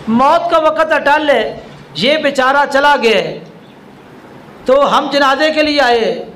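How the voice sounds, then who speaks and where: A man preaching a Quran lesson, reciting Arabic prayers and explaining each one slowly, step by step. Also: extremely high pitch, a bit bright, poor audio.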